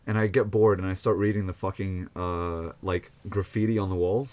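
A man's voice: deep voice, normal speed. A young man, co-hosting a podcast in casual, crude chat and telling stories with lots of swearing. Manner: animated storyteller, swears a lot. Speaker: podcast co-host.

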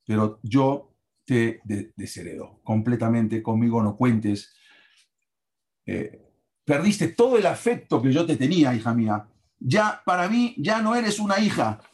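A man's voice: on the low side, expressive, slow pace, long pauses, dark tone. A man voicing a wealthy older father who angrily forbids his daughter's marriage and disowns her, in a commanding, indignant manner. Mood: stern.

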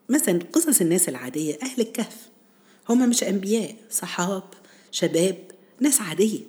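A woman's voice: medium pitch, mellow. A woman with an Egyptian accent telling religious stories conversationally, teaching listeners directly and putting questions to them. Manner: didactic, addresses listeners directly with rhetorical questions. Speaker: storyteller and host of a Ramadan series on Quran stories.

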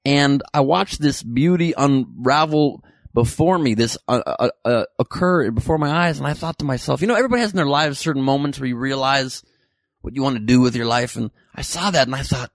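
A man's voice: medium pitch, fairly quick, no room sound. A man hosting a comedy show, delivering a dry, rambling monologue full of self-correcting jokes. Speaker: comedy podcast host. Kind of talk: deadpan comic monologue.

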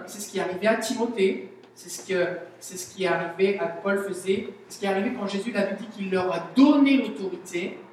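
Quebec French male pastor, animated teaching sermon, very reverberant church hall, mic set back. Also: high-pitched, a little hiss or hum. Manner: animated, explanatory, with everyday examples. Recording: very echoey hall, mic at a distance.

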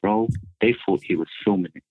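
A young man with a London accent talks in roadman slang, casual and repetitive. His voice is rough and fairly low, and it comes through a narrow, muffled phone connection. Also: a little fast, no echo. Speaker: guest phoning in. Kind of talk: casual chat, storytelling. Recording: muffled, tinny phone line.

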